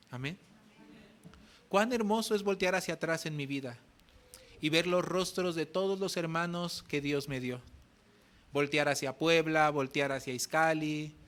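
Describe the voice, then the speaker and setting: Brief: middle-aged Mexican Spanish pastor, earnest exhorting sermon, slightly high voice. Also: male voice, a bit bright. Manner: earnest, exhorting preaching with tag questions. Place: church service.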